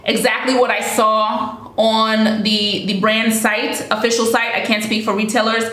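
A woman's voice: on the high side, flat delivery, unhurried, fairly bright tone, roomy sound. Chatty woman reviewing nail polish. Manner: chatty, enthusiastic, repeats words for emphasis. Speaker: beauty vlogger. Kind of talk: casual product review.

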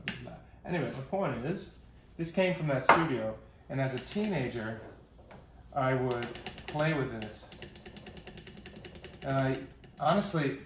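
New York man, middle-aged, mid-pitched, chatty asides, roomy sound. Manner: rambling, jokey asides, talks to his gear. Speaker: synth repair vlogger. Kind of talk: casual rambling commentary while working. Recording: roomy room, faint hiss.

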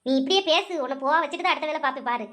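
A woman's voice: high voice, rapid-fire, fairly bright tone. A woman voicing a quarrelsome older mother-in-law who scolds and bickers. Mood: quarrelling. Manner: bickering, scolding, self-pitying. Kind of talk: cartoon voice acting.

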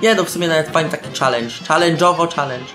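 Excitable young man, roomy echo. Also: fairly high pitch, quick pace. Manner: excitable, shouting and laughing, mixes in English slang. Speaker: gameplay commentator. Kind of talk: casual let's-play commentary. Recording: roomy echo with faint game music.

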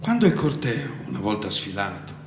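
A man giving a theatrical, expressive reading of a storybook at a live event. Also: fairly low pitch, fairly quick, very noisy. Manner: theatrical, swelling delivery. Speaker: reader. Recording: echoey hall, faint music.

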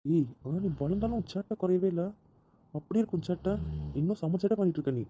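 A commanding young husband who teases and sets rules , as a man acts him. He talks quickly with a very dark, mellow tone. It is an amateur audio drama. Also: high-pitched, highs cut off, a little hiss or hum, natural voice. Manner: commanding, teasing. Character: bossy, teasing young husband.

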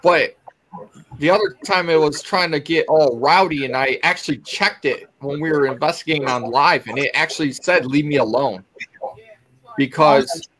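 On a video call, a man casually tells rambling stories about his paranormal investigations, retelling eerie encounters and frequently restarting his sentences. His voice is a little high and a bit bright, at a moderate pace.

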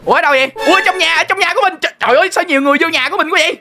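A young woman gives excited, exclamatory commentary as she plays a game. Her voice is high and bright, and she talks at a rapid clip. Faint game music runs behind her. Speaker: gaming channel host.

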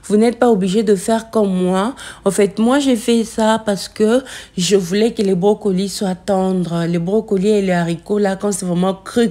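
Speaking in a medium-pitched voice with a dark tone, this woman in her thirties vlogs from home, slowly showing her kitchen and explaining how she cooks. She pauses often on "euh" and drops in English food terms.

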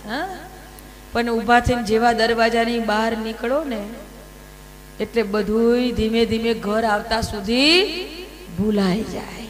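A woman telling devotional scripture stories as a sermon, lively, with rhetorical questions and acted quotes. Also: fairly high pitch, slow, long pauses, big-room sound, faint music behind, rough recording. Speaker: religious storyteller. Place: large hall at a temple event.

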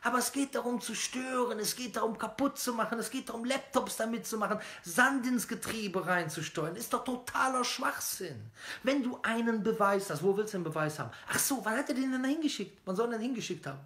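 Indignant, mocking preacher in a roomy space. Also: male voice, very high-pitched, expressive, fairly quick, bright, forceful tone, slight background noise. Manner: indignant, mocking, fires rhetorical questions, drops to sneering murmurs. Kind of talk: sarcastic video statement. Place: small indoor room. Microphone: phone camera at close range. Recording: roomy echo.

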